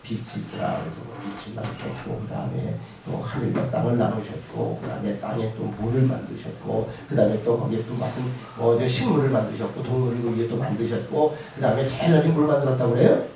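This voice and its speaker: A male pastor giving a lively sermon to students in a school chapel, often asking them questions. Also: mid-range voice, fast talker, creaky, hardly any pauses. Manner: lively, asks the audience questions. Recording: echoey hall from far off.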